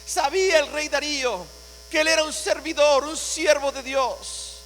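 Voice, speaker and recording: A man delivers a sermon in a strikingly high, bright tone, dramatizing the words of scripture. His voice rings through a church hall with a long echo. A faint electrical hum sits underneath. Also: measured pace. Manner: dramatic preaching, voicing scripture with rising intensity. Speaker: pastor.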